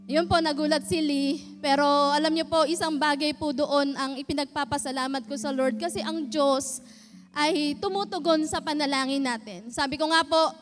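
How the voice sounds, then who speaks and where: A woman giving a nervous, halting, earnest personal testimony at a church service. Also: high-pitched, soft background music. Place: church hall. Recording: reverberant church hall.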